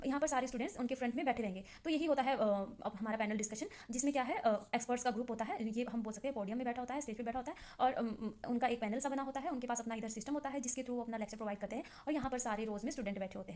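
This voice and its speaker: A fast-talking young woman runs through revision notes like a trainee teacher, her voice sitting a little high. She explains in a loose, chatty way, full of fillers and restarts. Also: a little mellow. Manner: chatty explaining with many fillers, reads English definitions slowly. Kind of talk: casual exam-revision lesson.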